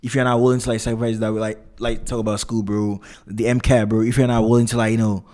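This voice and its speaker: A young man with a lowish voice and very little melody in it. He talks in a slangy frat-bro manner, casual and rambling, circling back over his phrases as he chats. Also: level tone, fast, a little mellow. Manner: frat-bro slangy talk, constantly saying "bro"; rambling, repetitive, loose phrasing. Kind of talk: casual conversation.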